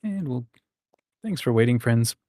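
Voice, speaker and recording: Hosting a writing community livestream, a man keeps things chatty, relaxed and encouraging. He speaks at a measured pace in an expressive, mellow mid-range voice, captured in clean studio sound without echo.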